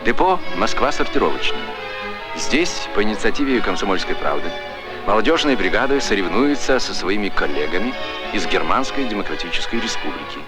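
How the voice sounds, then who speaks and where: A man giving formal, declamatory announcer narration in the style of an old newsreel. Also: on the low side. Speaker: documentary narrator. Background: music score.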